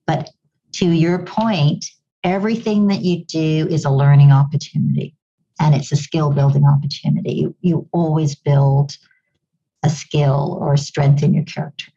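Low and warm with a breathy edge and some vocal fry, her voice moves at a moderate pace with fairly level intonation over dull audio. The speaker is a woman from Goa who grew up in Kenya and has a mild Kenyan accent tinged with English. Her conversational interview answers as a podcast guest are sincere and reflective, with frequent restarts and repeated words.

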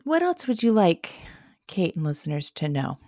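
A woman's voice: on the low side, sing-song, moderate pace, a little mellow, dry recording, studio quality. A woman hosting an interview, listening with frequent agreement and asking her guest questions. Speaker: interview host. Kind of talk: conversational interview.

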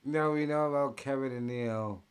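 A man ranting in mocking commentary as the host, full of profanity and loud mimicking bursts. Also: medium pitch, normal speed, clean tone.

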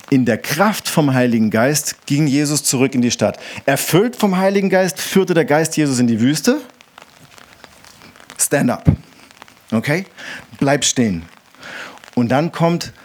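German man preaching an animated sermon. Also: medium pitch. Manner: animated storytelling, acts out quoted voices.

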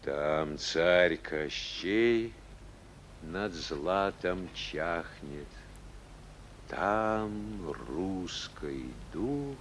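A weary frontline army captain of forty in a radio play, with a very deep voice and slow, heavy delivery. He gives curt, clipped commands, and his tired voice still carries authority. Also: animated, a bit bright, a little hiss or hum, heavily acted. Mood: drowsy. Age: 40s.

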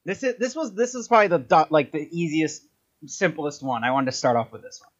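A man's voice: a little high, animated, a little fast, muffled recording. A man hosting a casual podcast quiz game, upbeat and teasing, often laughing.

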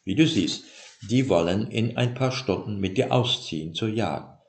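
A man's voice: lowish voice, animated, normal speed. A man voicing a sly older father-in-law who lectures in a pompous, scolding way. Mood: lecturing. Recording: roomy echo.

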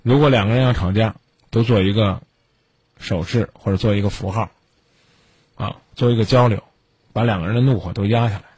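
A man's voice: fairly low pitch, brisk, long pauses, a little mellow, husky, dry recording. A man hosting a radio call-in advice show, scolding a caller in a stern lecture full of pointed questions.

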